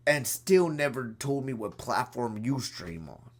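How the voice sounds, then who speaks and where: Man streamer, crash-out rant to chat, pitch jumping all over, goes from shouting to mumbling. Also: lively intonation, a little slow. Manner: profane, swings from shouting to low mutters; repetitive, talks straight to viewers. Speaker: livestreamer.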